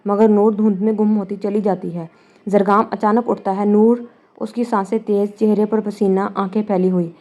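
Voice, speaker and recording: A woman narrating a novel as an audiobook, in a calm, even storytelling manner. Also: mid-range voice. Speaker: novel reader.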